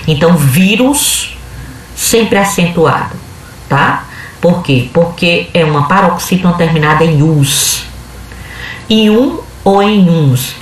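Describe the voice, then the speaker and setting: A woman's voice: fairly low pitch, a little hiss or hum. A woman teacher, giving a video lesson and explaining patiently step by step with frequent checks. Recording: echoey room, voice from a distance.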